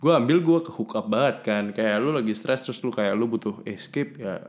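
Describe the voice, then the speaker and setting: A young man with a lowish voice talks fairly quickly, telling a candid personal story straight to the listener. He's slangy and confessional, curses a lot, mixes in English words, and swings between loud bursts and mumbled asides.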